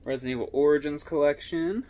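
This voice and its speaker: A young man casually running through his video game collection, giving quick offhand comments on each title. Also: fairly high pitch, warm tone. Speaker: gaming YouTuber.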